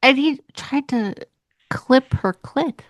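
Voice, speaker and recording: A woman co-hosting a podcast, talking about books in a sarcastic, drawn-out way with laughing asides. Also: high-pitched. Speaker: podcast co-host. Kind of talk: casual book chat.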